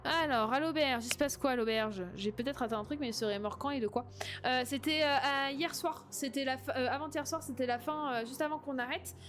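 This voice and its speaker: A woman's voice: high voice, brisk, fairly bright tone, faint music behind. A young woman streaming a game, chatting casually, hesitant and reading game text aloud. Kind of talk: casual let's-play chat.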